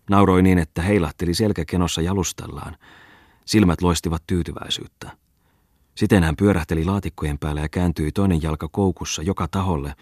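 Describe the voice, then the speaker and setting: A man reading a novel aloud as audiobook narrator, in a calm, measured way. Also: deep voice, dry recording, clean studio sound. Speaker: audiobook reader. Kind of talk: scripted narration.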